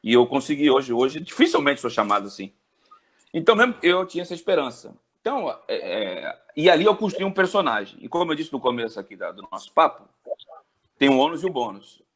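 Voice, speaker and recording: A sports journalist in his forties from Brazil, telling his story in an interview with animated swings in pitch. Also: a little fast. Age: 40s.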